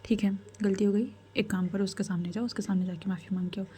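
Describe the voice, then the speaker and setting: A woman's voice: medium pitch, fairly even intonation, mellow, a little hiss or hum, close to an everyday voice. Woman voicing a wise royal grandmother. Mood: firm counsel. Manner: measured, counselling, firm. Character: calm, commanding royal grandmother, older woman.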